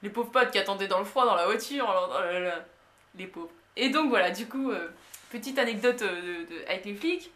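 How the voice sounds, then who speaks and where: A young woman from France telling an anecdote in a casual, slangy way, full of fillers and lively asides. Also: mid-range voice, fairly quick. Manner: animated, slangy, many fillers. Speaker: vlogger. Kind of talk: casual storytelling. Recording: echoey room.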